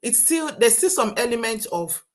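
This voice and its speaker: A woman's voice: fairly high pitch, sing-song, normal speed. A woman hosting a podcast, speaking in an affirming, emphatic way. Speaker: podcast host, nurse coach. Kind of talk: conversational interview.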